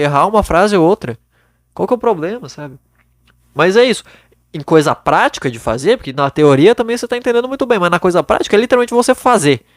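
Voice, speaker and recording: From his bedroom, a young podcast host gives blunt, casual advice into a microphone and swears freely. His voice is very high-pitched, and the sound is clean studio quality with no room sound.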